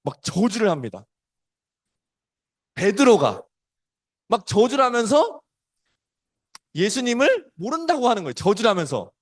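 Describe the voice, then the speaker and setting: Male children's preacher, lively storyteller, raised pitch, loud-soft swings. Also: normal speed, long pauses.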